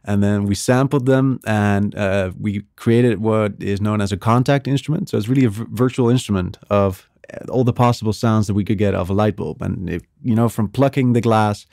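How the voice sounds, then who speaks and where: A man's voice: lowish voice, normal speed, vocal fry, darkish tone, no room sound, studio quality. A man speaking as a guest in a podcast interview, explaining his work enthusiastically and acting out little sound examples with his voice. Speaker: strategy director at a music agency, podcast guest. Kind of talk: casual interview talk.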